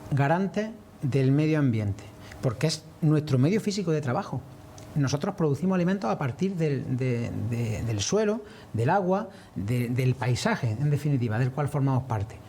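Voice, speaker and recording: A man's voice: on the high side, warm tone, a little hiss or hum. A man answering as a farmers' representative in a broadcast interview, earnest and explanatory.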